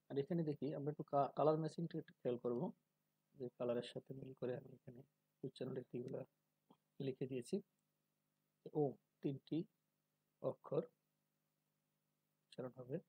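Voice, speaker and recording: Male teacher, measured delivery, mellow and slightly husky, dry recording. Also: medium pitch, no echo, low-quality recording. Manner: slow, deliberate, drawing out syllables when demonstrating. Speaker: teacher of Sanskrit pronunciation. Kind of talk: calm spoken lesson.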